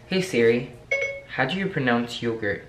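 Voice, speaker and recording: A young man talks through his breakfast recipes in a relaxed, joking way, poking fun at himself. His voice sits at an ordinary middle pitch for a man. It bounces around an echoey home kitchen while pots and dishes clank clearly in the background. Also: moderate pace, slight background noise. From France. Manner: chatty, playful, jokes at himself. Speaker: cooking vlogger. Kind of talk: casual cooking demonstration.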